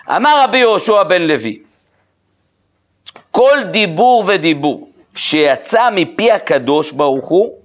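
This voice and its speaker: A man, a rabbi, giving a spoken Torah lesson to a group, talking conversationally, asking rhetorical questions and checking in with his listeners. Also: mid-range voice. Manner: conversational, uses casual fillers. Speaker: rabbi teaching a class.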